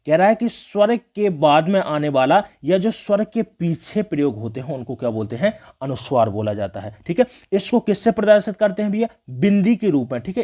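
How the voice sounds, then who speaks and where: A man's voice: fairly high pitch, darkish tone. A man teaching an exam prep grammar lesson. He keeps asking the class questions and then answers them himself, with lots of "see" and "okay".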